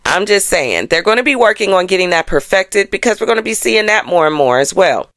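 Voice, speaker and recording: Brisk and a bit bright, this American astrology channel host speaks in a mid-range voice with big pitch swings. She addresses her followers directly in casual, conversational commentary, sassy and rhetorical, tossing in tag phrases such as "okay?". The studio-quality recording is dry.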